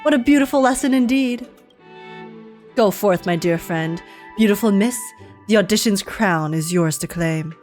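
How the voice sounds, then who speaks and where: A woman's voice: mid-range voice, moderate pace, a little mellow, natural voice. Girl doing a dramatic gallant knight guy from a game, super flowery and courtly, faint music behind. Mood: admiring, gracious. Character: gallant, florid male knight devoted to beauty. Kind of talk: reading game dialogue aloud in character.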